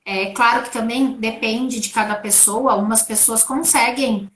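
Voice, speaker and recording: A woman from Brazil with a high voice, speaking as an interview guest over a video call. She talks in a relaxed, anecdotal way, and the room around her sounds echoey. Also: normal speed. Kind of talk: conversational interview answers. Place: at home.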